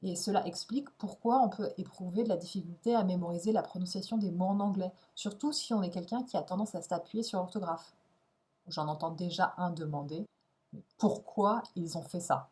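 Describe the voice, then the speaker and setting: A woman giving an instructional video lesson as an English teacher, speaking clearly and stressing key words in an encouraging way. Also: on the low side, a little fast, dark tone.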